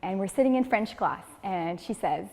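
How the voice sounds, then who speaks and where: A Moroccan woman in her 30s gives a funny prepared speech at a speaking club, telling her stories with energy and acting out the people she quotes. Her voice is medium in pitch and moves at a normal speed. The club's meeting room adds a long, hall-like reverb.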